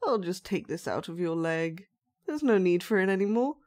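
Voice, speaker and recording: In a roleplay monologue, a woman voices a sinister, soft-spoken dollmaker who wields magic, speaking to the listener in a coaxing, condescendingly gentle way. Her pitch sits fairly low, and her delivery is expressive, lightly acted, and moderately paced. The mood is calmly menacing.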